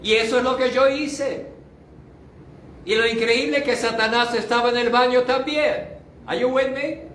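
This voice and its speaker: High-voiced older pastor preaching fervently. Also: male voice, fairly even intonation, a little slow, a bit bright, a little hiss or hum. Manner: fervent testimony with English asides. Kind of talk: sermon. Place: church. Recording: roomy church sound, distant mic, faint music.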